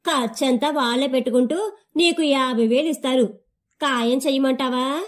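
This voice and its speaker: A woman's voice: high-pitched, moderate pace, lightly acted. A woman voicing a scheming sister who coaxes her elder sibling. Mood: coaxing. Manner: coaxing. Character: persuasive scheming younger sister.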